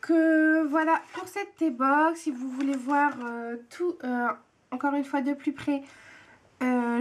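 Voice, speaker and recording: A woman's voice: high voice, darkish tone. A young woman blogger chatting casually and gushingly about a tea box, full of hesitations. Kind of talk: casual unboxing chat.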